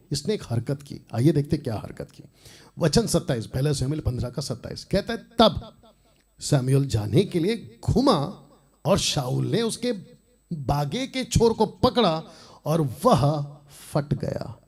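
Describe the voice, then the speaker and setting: A man preaching a sermon, fiery and defiant, swinging between loud emphatic lines and hushed asides. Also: medium pitch, husky. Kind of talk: Hindi sermon teaching.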